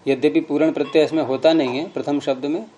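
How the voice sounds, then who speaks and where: A man's voice: on the high side, steady tone, fast, dark tone, a little hiss or hum. A middle-aged man teaching a grammar class, explaining patiently and quizzing his students. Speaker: Sanskrit teacher.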